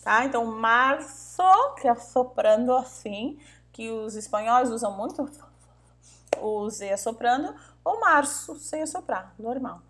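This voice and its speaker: Woman, high voice, patient language teacher who repeats and checks in with students. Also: a little mellow. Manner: patient, repeats words slowly, checks in with "tá?" and "vale?". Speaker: Spanish teacher. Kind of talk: online language lesson.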